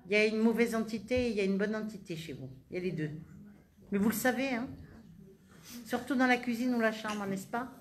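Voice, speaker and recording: A woman, a medium, works through questions from the audience at a live session. Her voice sits slightly high. She answers fast and familiarly, half teasing, half comforting. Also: slight background noise. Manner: familiar and direct, switching to tu, teasing and reassuring.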